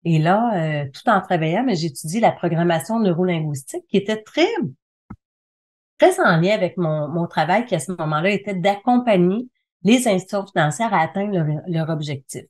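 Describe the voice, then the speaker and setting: A communication consultant and trainer appears as an interview guest: a middle-aged woman with a Quebec French accent. Her fairly low, darkish voice is expressive and moves at a normal speed, and she explains conversationally, repeating phrases for emphasis.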